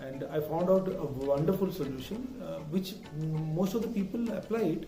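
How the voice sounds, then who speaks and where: A man's voice: a little high, animated, drawn-out words, dark tone. Roomy-sounding Malayali man mixing Malayalam and English. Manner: mixes Malayalam and English, switching mid-sentence. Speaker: vlog presenter. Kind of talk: casual vlog talk. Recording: roomy, distant mic with music behind.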